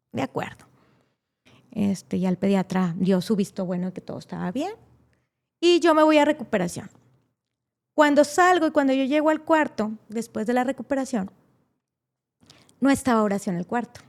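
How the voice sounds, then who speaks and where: A woman with a fairly high voice, a podcast guest telling an emotional personal story. She acts out the people she quotes and leans on frequent "este" fillers as she goes. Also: darkish tone.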